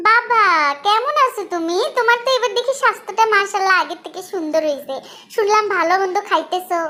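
A woman playing a village mother-in-law, bossy and coaxing, high-pitched, bright tone, fan voice drama. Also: fast talker. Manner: scolding, then coaxing in dialect.

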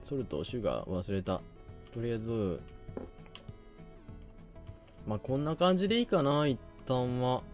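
A young man talks through a game in a chatty, thinking-aloud way, often stopping to hesitate. His pitch swings up and down a great deal. Faint music plays under his voice. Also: expressive, normal speed, long pauses, darkish tone. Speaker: game commentator. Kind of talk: casual let's play commentary.

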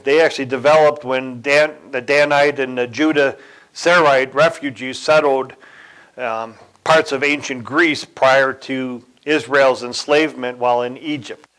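Guy preaching a sermon real slow and careful, chuckles here and there, mid pitch. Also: a bit bright, rough recording. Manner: slow, deliberate delivery with occasional chuckles and self-corrections. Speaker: church speaker.

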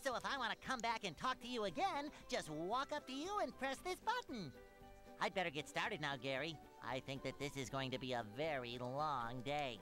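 A man voicing an eager, excitable young male sea sponge in a cartoon video game, speaking in a chipper way. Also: fairly high pitch, normal speed, faint music behind.

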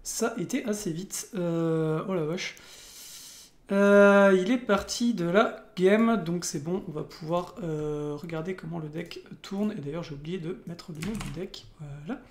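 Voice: mid-range voice, measured pace. A person with a French accent commentating their own online card game match casually, with many fillers and restarts. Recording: roomy, echoing room.

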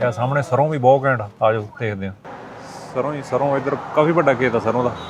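A man's voice: mid-range voice, fast. A man giving casual running commentary as a travel vlogger out on the road. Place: outdoors and on the road. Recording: clear outdoor traffic noise.

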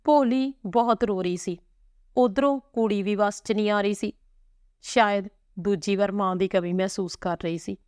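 A woman narrating a family story in a steady, measured reading. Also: mid-range voice, clear, resonant tone, no room sound, clean studio sound.

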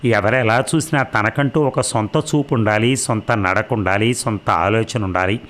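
Man narrating a novel, measured. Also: lowish voice, a bit bright. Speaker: audiobook narrator.

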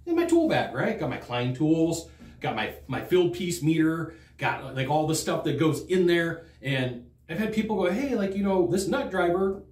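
A middle-aged man teaching sales to camera in a studio, talking in a lively, conversational way and acting out what customers say. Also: fairly high pitch, normal speed, echoey room. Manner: animated, conversational, acts out customer quotes. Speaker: sales trainer. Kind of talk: direct-to-camera training talk. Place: studio in front of a green screen. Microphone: fixed camera, standing at a desk.

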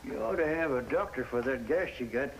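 An actor playing a shrewd, probing elderly lighthouse keeper in an old television drama, talking in a folksy, hesitant way. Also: male voice, mid-range voice, lively intonation, brisk, close to an everyday voice. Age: older. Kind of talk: 1950s television drama acting. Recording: old television recording with faint hiss.

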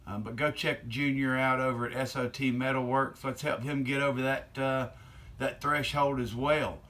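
A man's voice: mid-range voice, level tone, normal speed, a bit bright. A middle-aged man with slightly slurred speech chats casually and unhurriedly while working with his hands in a workshop. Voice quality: slightly slurred from one-sided mouth weakness. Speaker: channel host. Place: cluttered indoor workshop. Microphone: camera on bench a step or two away.

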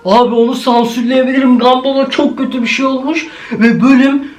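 A man's voice: very high-pitched, fairly even intonation, brisk, faint music behind, rough recording. A male YouTuber giving a jumpy horror video reaction, swearing often and talking straight to his viewers.

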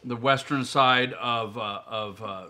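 A man's voice: medium pitch, fairly even intonation, slow, crowd noise. A man hosting a casual wine-tasting chat, talking in a rambling way with many fillers and restarts. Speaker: wine presenter. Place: indoors at a zoo building.

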